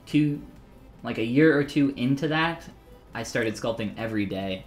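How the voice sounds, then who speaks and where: Between sculpting steps on his live stream, a thirties-aged man with a mid-range voice reads chat messages aloud, keeping his 3D sculpting lesson casual and full of jokes.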